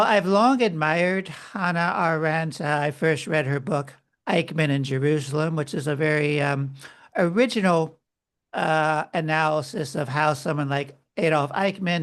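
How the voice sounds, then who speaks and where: A man's voice: a little high, gravelly, fairly bright tone. A man, a guest author, explaining history and ideas at length in a podcast interview. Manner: explanatory, lecturing.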